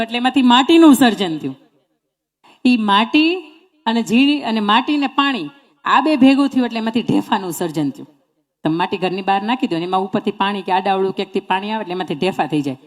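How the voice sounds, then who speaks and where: A woman giving a motivational speech, telling homely stories and quizzing her audience with questions. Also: medium pitch. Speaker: motivational speaker.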